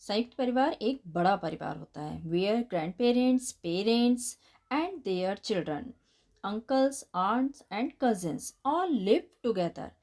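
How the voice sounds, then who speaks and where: Lively Indian woman teacher spelling words aloud. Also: mid-range voice, drawn-out words. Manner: addresses children affectionately as 'beta'. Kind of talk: bilingual classroom lesson explaining answers.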